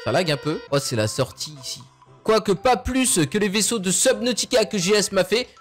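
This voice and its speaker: A young man giving excited gameplay commentary as a gaming YouTuber, exclamatory and slangy, easily amazed, talking at a desk mic at home. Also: sits high, normal speed, soft background music.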